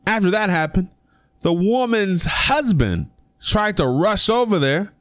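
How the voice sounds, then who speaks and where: A man's voice: sits high, very animated, a little slow, fairly bright tone, dry recording, studio quality. A young man talking casually on his own vlog, giving his opinion with emphatic rhetorical questions. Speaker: sports commentary vlogger. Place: indoor room.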